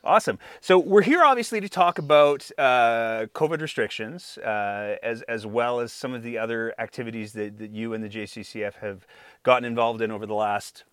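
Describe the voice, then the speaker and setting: A man's voice: mid-range voice, normal speed, a bit bright, clear, resonant tone, dry recording, clean studio sound. A man hosting an interview podcast, speaking carefully with many fillers and hedges. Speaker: podcast host. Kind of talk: interview podcast, scripted intro.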